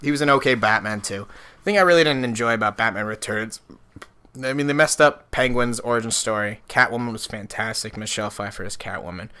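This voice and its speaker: A man's voice: fairly low pitch, brisk, bright, forceful tone, clear, resonant tone. A man co-hosting a podcast in a casual, opinionated chat, often restarting his sentences. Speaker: podcast co-host.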